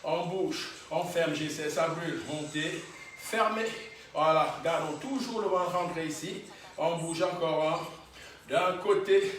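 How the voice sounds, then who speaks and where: A man's voice: fairly high pitch, unhurried, a bit bright, slight background noise. A man leading a fitness class, calling out short encouraging exercise cues and chuckling often. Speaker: fitness instructor. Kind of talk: workout class instruction. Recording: very echoey room, voice from a distance, faint music.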